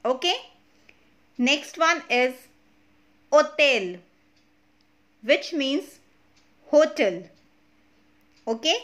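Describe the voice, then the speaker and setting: A woman's voice: high-pitched, lively intonation, slow, long pauses, a bit bright. A woman with an Indian English accent teaching a French lesson online, explaining step by step and checking in with "okay?".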